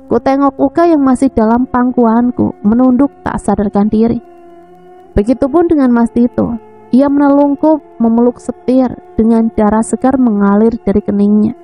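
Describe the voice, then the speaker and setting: Woman storyteller, fairly high voice, emotive tearful delivery, soft music underneath. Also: moderate pace. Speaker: horror story narrator. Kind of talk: dramatic first-person story reading. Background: faint background music.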